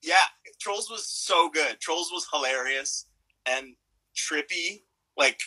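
Man, bright tone, a bit husky, casual video-call host, easygoing. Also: a little high, slow, low-quality recording. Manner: easygoing, enthusiastic, laughs along. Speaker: live stream host.

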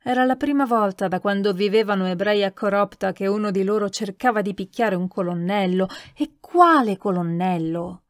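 A woman narrating a novel in a measured, expressive audiobook reading. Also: medium pitch, no room sound, studio quality. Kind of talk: scripted narration.

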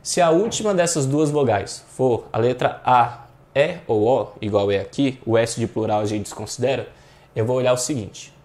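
Male Brazilian teacher with a mid pitch, walking students through grammar questions in a didactic, question-and-answer way. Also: normal speed, a little mellow. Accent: Brazilian Portuguese. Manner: didactic, checks in with frequent rhetorical questions. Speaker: online exam-prep teacher. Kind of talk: explaining grammar exercises.

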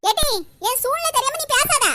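A woman's voice: extremely high pitch, fairly quick, sharp tone, no echo. A woman voicing a tense, irritable young woman about to be seen by a groom's family, speaking curtly with a Kanyakumari Tamil accent. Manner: snappish, curt.

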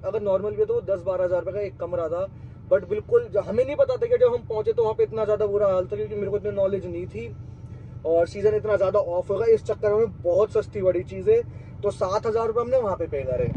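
Young guy vlogging, high voice, chatty, walks thru every cost, kinda dull lo-fi audio w faint hiss. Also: warm tone. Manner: chatty, explains costs step by step, mixes Hindi with English. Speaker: travel vlogger. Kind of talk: casual vlog talk to camera. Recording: slightly dull lo-fi audio with faint background noise.

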